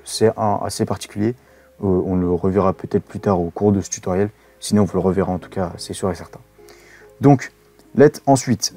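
A man talks through a coding tutorial in a relaxed, rambling way, often pausing on fillers and correcting himself. His voice sits low and mellow. Soft music plays faintly underneath. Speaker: web development instructor. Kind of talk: casual screen-recorded coding tutorial.

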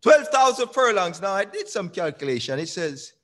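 A young man gives a very animated sermon in a high-pitched voice with a fairly bright tone. Standing at the pulpit of a small sanctuary with a microphone on a stand, he draws out emphatic lines and asks the congregation questions.

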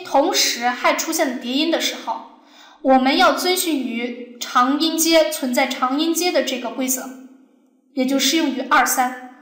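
A high-pitched woman teaches a recorded language lesson. She explains each point slowly, stops often to ask the class questions, and sounds roomy and echoey. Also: a bit bright. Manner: patient, explains step by step, asks the class questions. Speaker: Arabic teacher.

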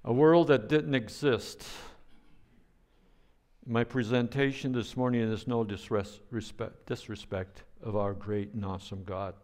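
An older man preaching a sermon as a pastor, speaking in a slow, deliberate way, with playful sound effects now and then. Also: medium pitch, steady tone, a little mellow.

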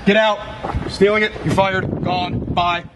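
A man's voice: high-pitched, little pitch movement, a little slow, heavy background noise. A young man doing a comedic vlog skit, repeating a catchphrase in many playful voices outside a warehouse. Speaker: vlogger. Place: outdoors by a warehouse lot.

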